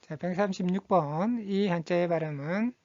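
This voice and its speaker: A woman teaching Japanese vocabulary, reading each word slowly and repeating it twice in a patient, methodical drill. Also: lowish voice, a little mellow, no room sound, muffled recording. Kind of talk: slow, deliberate vocabulary drill.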